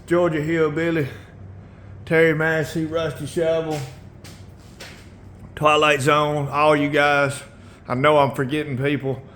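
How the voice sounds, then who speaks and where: A man hosting a casual motorcycle how-to video in his garage, relaxed and rambling, often clearing his throat and coughing. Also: a little high, measured pace, long pauses, slight background noise. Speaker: motorcycle builder and channel host.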